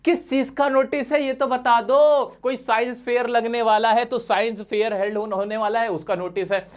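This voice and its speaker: A man teaching an exam lesson in an animated, coaxing way, full of rhetorical questions and playful teasing. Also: extremely high pitch, moderate pace. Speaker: English teacher. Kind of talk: classroom-style exam lesson.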